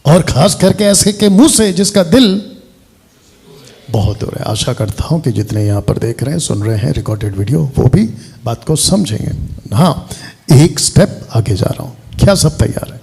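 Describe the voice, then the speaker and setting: A man's voice: on the high side, very animated, moderate pace, gravelly, a little mellow, slightly rough. A man preaching a sermon as pastor, directive, often breaking off to give instructions. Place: church hall.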